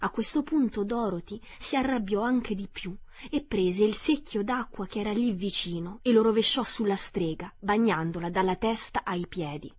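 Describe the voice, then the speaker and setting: A woman narrating a classic storybook aloud for radio, measured and expressive. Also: medium pitch, breathy edge. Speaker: audiobook reader.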